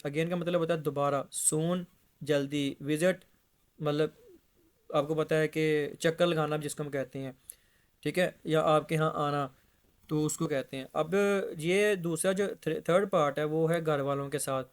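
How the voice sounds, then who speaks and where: A man teaching an English lesson, explaining example sentences slowly and repeating them. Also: fairly high pitch, steady tone.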